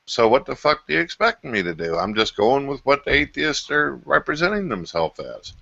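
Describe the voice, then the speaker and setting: A man's voice: medium pitch, big pitch swings, normal speed, creaky, sharp tone, dry recording. A man with a Missouri twang in a casual, heated debate, argumentative and colloquial, swearing freely. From Missouri, USA. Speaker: caller. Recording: muffled lo-fi voice call.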